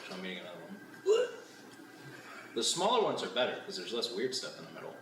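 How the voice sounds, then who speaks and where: A man's voice: lowish voice, huge pitch swings, quick pace, creaky. Laughing, rambling young man in echoey room. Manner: laughs often, rambling with fillers. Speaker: host of a food taste-test show. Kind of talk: casual chat. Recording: echoey, distant, noisy room.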